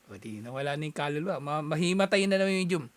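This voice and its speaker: A Filipino man gives a casual, animated talk at a racing pace, his voice on the high side. He chuckles often and acts out little exchanges as he explains.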